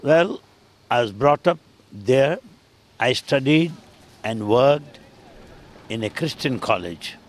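An older man with an Indian English accent gives an interview at an unhurried pace. His voice sits in an ordinary middle pitch, and he talks calmly and deliberately, stopping to spell out a word now and then. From Andhra Pradesh, India. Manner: measured, deliberate, spells words out. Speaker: interview guest. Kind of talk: calm interview answers in English.

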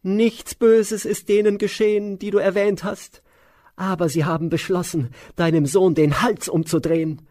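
A man's voice: high-pitched, steady tone, normal speed, darkish tone, no echo, studio quality, voice pushed up, close to an everyday voice. A man voicing a scheming old maidservant, shrieking and wailing in alarm. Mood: spiteful.

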